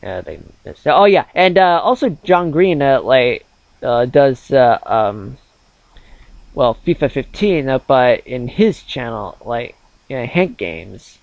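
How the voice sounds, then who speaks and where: A man's voice: medium pitch, sing-song, takes it slowly, creaky, no room sound, dull audio. A man of twenty-one chatting casually over gameplay as a gaming channel host, rambling with many fillers.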